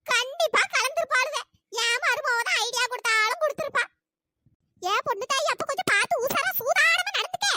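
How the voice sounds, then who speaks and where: A woman voicing a scheming, gossiping old village woman in a comic skit, with a shrill, chattering manner. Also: expressive, a little fast. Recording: noisy home recording.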